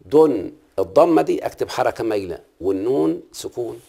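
Middle-aged Egyptian-accented male teacher, gravelly voice, patient classroom questioning. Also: medium pitch, expressive, a little fast, dark tone. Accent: Egyptian Arabic. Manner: patient, quizzes the class and repeats key terms. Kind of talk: classroom lesson on Arabic prosody.

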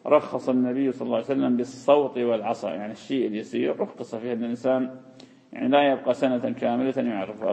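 A man's voice: medium pitch, gravelly, warm tone. A man teaching a religious text in a lecture, explaining terms and repeating key words. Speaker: hadith teacher. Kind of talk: classroom lecture. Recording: dull lo-fi hall recording.

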